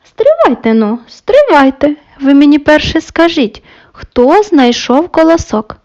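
A woman voicing a patient, hardworking little male rooster in a bedtime story, calling out loud and high. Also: very animated, measured pace, lo-fi sound. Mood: stern.

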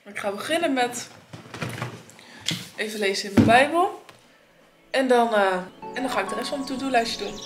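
A woman's voice: on the high side, moderate pace, long pauses, over loud music. A young woman in her late teens, chatting upbeat and enthusiastic to a handheld phone camera in a family vlog. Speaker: family vlogger. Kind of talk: casual vlog chat to camera.

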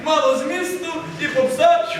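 A man's voice: very high-pitched, fairly even intonation, a little slow, music in the background. An actor playing a brash, babbling, self-promoting showman in a puppet nativity play. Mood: boastful, playful. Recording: echoey noisy hall, distant mic.

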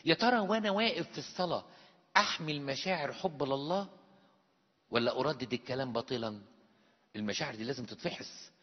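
A man's voice: medium pitch, expressive, brisk, long pauses, in a large hall, highs cut off. A male priest with an Egyptian accent, preaching an emphatic sermon full of rhetorical questions. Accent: Egyptian Arabic. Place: church.

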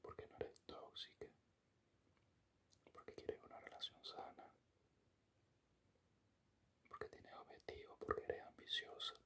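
Guy doing whispered role-play as a sweet affectionate boyfriend, soft breathy whisper super close to the mic. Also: unhurried, long pauses. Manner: tender, intimate, complimentary. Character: affectionate, doting boyfriend murmuring sweet praise. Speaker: ASMR performer playing a boyfriend. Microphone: close-up microphone, at the ear.

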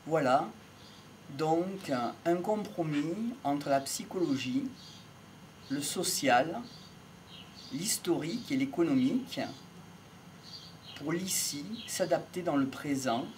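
Slow, measured older man outdoors. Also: fairly high pitch, a little mellow, slight background noise. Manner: measured, pausing often, philosophical. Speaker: speaker on voice and communication. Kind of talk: slow reflective monologue to camera. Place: outdoors in a sunny country field. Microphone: handheld mic. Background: faint outdoor ambience with birds.

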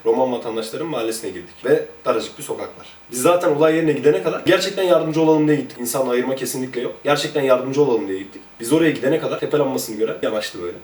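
Fast-talking chatty man, roomy sound. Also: mid-range voice, distant mic. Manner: lively, chatty, jumps between anecdotes. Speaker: former police officer. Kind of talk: casual anecdotal storytelling.

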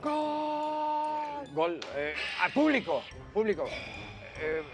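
Lively TV co-host, jokey and quick, loud music behind. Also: mid-range voice. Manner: animated, jokey guessing. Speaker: TV show co-host. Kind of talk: playful TV panel chat.

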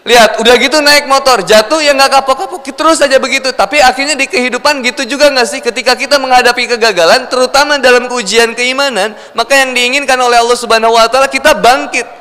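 A man's voice: very high-pitched, quick pace, pushed and bright. A male preacher with a Sundanese accent giving a humorous sermon, playful and acting out everyday scenes. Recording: long hall reverb.

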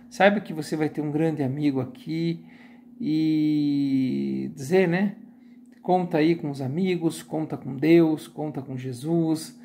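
A Brazilian man in his forties, with a Brazilian Portuguese accent and a voice on the high side, chats warmly into a phone camera held close while sitting on his living room sofa. As a YouTube channel host and moderator on a casual live stream, he sounds supportive and uses plenty of filler tags, with slight background noise behind him.

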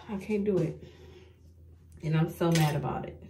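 A woman's voice: sits low, unhurried, mellow, a little hiss or hum. A young woman doing a casual get-ready-with-me beauty vlog, talking straight to her viewers and sounding frustrated and self-mocking as she struggles. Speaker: beauty vlogger.

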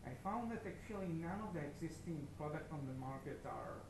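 Israeli founder, mid-age, hesitant and filler-heavy; handheld mic in a large noisy open-plan room. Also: male voice, a little high, expressive, gravelly. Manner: halting, many fillers, non-native phrasing. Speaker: startup founder presenting. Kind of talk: meetup talk. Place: large open-plan office event space. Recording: echoey room with background noise.

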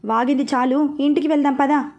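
ఒక స్త్రీ చేసే ఆందోళనగా గదమాయించే యువకుడు. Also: female voice, high-pitched, flat delivery, brisk, a little mellow, muffled recording, natural voice. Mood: angry. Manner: scolding, anxious. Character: young man, protective, quick-tempered lover.

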